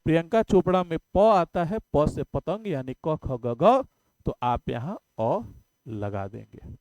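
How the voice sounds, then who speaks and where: Lively jokey man teaching grammar. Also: fairly high pitch, slow, dry recording. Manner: chatty, jokey, asks the class questions and answers them himself. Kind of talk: exam-prep lecture.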